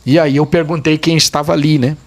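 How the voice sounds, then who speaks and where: A man's voice: a little high, fairly even intonation, a little fast. A man, a pastor and podcast guest, telling a testimony in vivid detail, emphatic and repeating phrases for weight. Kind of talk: testimony storytelling in a podcast interview.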